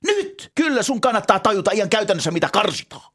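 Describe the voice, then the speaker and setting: A pushy, eccentric entrepreneur-gardener played by a man in a comedy sketch, pitching his odd ideas in a long ramble. His voice sits very high and swings widely up and down. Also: big pitch swings, fairly bright tone, breathy edge, exaggerated voice. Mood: earnest pitch.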